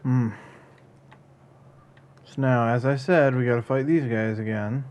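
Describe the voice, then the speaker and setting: A man's voice: mid-range voice, fairly even intonation, unhurried, a little mellow. A man giving casual, chatty commentary as he streams a video game, muttering at it when it goes wrong.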